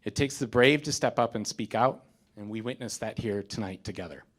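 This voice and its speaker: This is an American man in his thirties with a lowish, somewhat bright voice, responding for the community after a performance. Standing before a theater audience, he reads from notes, faltering with fillers early on and then making firm declarations.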